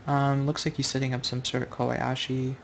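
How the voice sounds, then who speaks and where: A man's voice: mid-range voice, monotone, a little fast, gravelly, a little hiss or hum. A man commentating on his own online Go game in a loose, rambling way, thinking aloud and correcting himself mid-sentence, recorded at home at a computer. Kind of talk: casual live game commentary.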